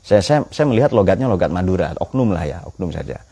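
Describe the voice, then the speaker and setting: A man's voice: deep voice, very animated, fast talker, dark tone, slightly rough. A man teaching a Quran study class. He puts questions to his students and tells light anecdotes.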